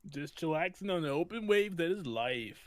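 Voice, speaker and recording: A man's voice: on the high side, lively intonation, moderate pace, close to an everyday voice. A laid-back young surfer-bro wizard, as a man puts him on, drawling slang like nothing could ever bother him. He sounds a bit distant from the mic in this tabletop game. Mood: chill.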